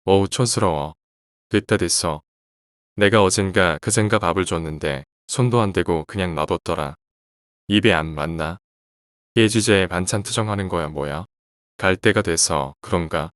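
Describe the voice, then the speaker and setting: A man's voice: deep voice, normal speed, fairly bright tone, no echo, clean studio sound. A man voicing a scolding middle-aged housewife. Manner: scolding, dismissive. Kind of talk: horror story reading.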